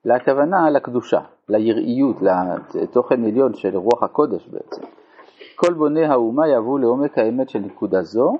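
A man's voice: medium pitch, expressive, slight background noise. A man teaching a Torah lesson to a live group, reading a passage aloud and explaining it phrase by phrase. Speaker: rabbi teaching a text. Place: community study hall. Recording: dull lo-fi recording.

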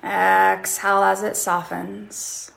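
A woman leads a guided meditation at a very slow pace, with slow breath counting and long pauses. Her mid-pitched voice has a clear creak at the edges. The phrases are short and instructional. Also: level tone, a bit bright, poor audio.

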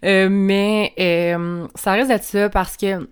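A woman's voice: mid-range voice, fairly even intonation, slow pace, clean tone. A young Québécois woman talks into a clip-on mic at home, hosting her solo podcast. She sounds chatty and candid, swears freely, and laughs between thoughts. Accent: Québécois French. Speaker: podcast host. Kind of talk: casual solo podcast monologue. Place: room at home.

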